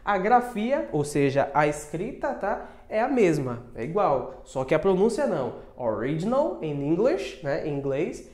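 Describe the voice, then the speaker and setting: A woman teaching English in an online video lesson. She repeats each word slowly and keeps adding short tag questions. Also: mid-range voice, a little mellow. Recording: roomy echo.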